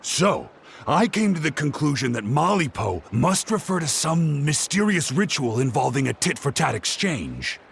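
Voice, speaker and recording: A man's voice: a little high, very animated, normal speed, gravelly, slight background noise. An actor playing an earnest young male scholar who eagerly explains his theories. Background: game music.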